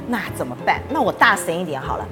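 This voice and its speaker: A woman's voice: fairly low pitch, big pitch swings, fast talker, fairly bright tone, faint music behind, pitched below the performer's own voice. A woman voicing a shy young boy, talking in a timid, whiny way. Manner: timid, whiny, later bold hawking.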